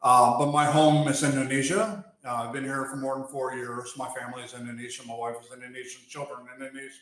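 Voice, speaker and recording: This wildlife channel host is a man from Germany who speaks with an American accent, his mid-range, slightly bright voice carrying fairly even intonation. He's doing a live stream chat with viewers, working on a bike outdoors or in an open area, and the recording is very echoey. He takes his time, pausing with fillers and responding to chat between thoughts.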